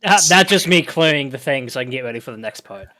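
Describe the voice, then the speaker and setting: A man's voice: medium pitch, lively intonation, fast, sharp tone, no echo. Laughing, self-deprecating game master man. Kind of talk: casual tabletop game chat.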